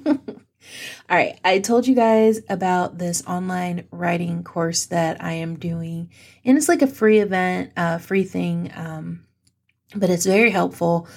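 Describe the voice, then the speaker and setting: A woman's voice: fairly low pitch, creaky, a little mellow. A young adult woman hosting her own podcast, chatty and playful with a self-mocking streak, a little teary. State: teary, emotional. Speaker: podcast host. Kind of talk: casual solo podcast chat.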